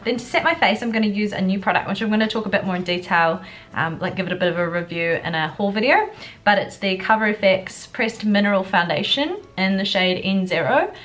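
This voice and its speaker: A young woman talks through her makeup routine in a casual, chatty way, sounding sick and stuffed up with a cold. Her pitch sits in the middle, and music plays behind her. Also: a little fast, a bit bright. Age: young adult. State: congested with a cold, feeling groggy and unwell. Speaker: beauty vlogger. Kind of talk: chatty get-ready-with-me makeup tutorial. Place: furnished living room at home, indoors. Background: background music.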